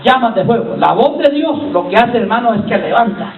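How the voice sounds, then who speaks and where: High-voiced man preaching in an echoey church. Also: animated, brisk. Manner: preachy, calls on the congregation to repeat lines; keeps addressing listeners as brother. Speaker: pastor. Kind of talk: sermon. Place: church hall. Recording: echoey far-off church recording over a lo-fi line.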